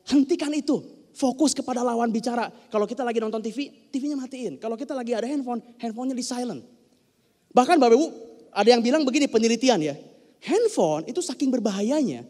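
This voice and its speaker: A male pastor preaching a sermon, speaking lively and turning to the congregation with frequent direct questions. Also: very high voice. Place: church. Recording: long reverb of a church hall.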